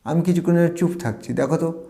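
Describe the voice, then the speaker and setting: A man's voice: fairly high pitch, fast talker, vocal fry, warm tone. A man whose first language is Bengali, teaching English pronunciation to viewers, breaking words into syllables and asking questions.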